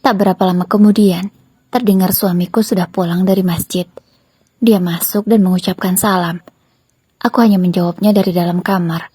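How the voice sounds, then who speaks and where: Mellow, breathy woman telling a sad story. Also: fairly low pitch, fairly even intonation, no room sound. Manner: slow, sorrowful storytelling. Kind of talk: first-person story narration.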